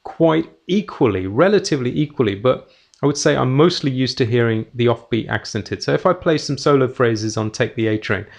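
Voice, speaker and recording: A man's voice: mid-range voice, lively intonation, fairly quick, vocal fry. A man from the UK teaching a jazz lesson, explaining technique and counting beats aloud while playing piano. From United Kingdom. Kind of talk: music lesson.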